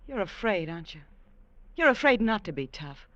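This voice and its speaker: A woman's voice: mid-range voice, big pitch swings, moderate pace, fairly bright tone, dry recording. Pleading young saloon woman. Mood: guarded. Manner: pleading, emotional. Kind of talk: old-time radio drama acting. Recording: dry, dull old radio recording.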